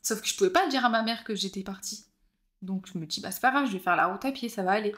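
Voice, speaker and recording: This young podcast co-host speaks fast at medium pitch while recounting a story in casual chat. She's animated, bringing the people she quotes to life by acting out their voices.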